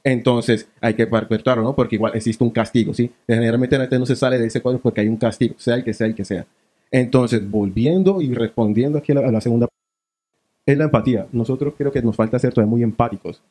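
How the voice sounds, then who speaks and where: A man with a San Andrés Archipelago Spanish accent, speaking as a panelist in a panel discussion. He talks in quick, searching phrases and switches between Spanish and island creole English. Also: mid-range voice, warm tone.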